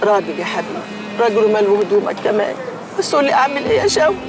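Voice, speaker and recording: A woman's voice: mid-range voice, sing-song, rapid-fire, a crowd in the background, lightly acted. Weary Egyptian mother, played by a woman. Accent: Egyptian Arabic. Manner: weary, defensive. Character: weary mother selling by a mosque, middle-aged. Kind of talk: TV series acting. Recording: drama music behind.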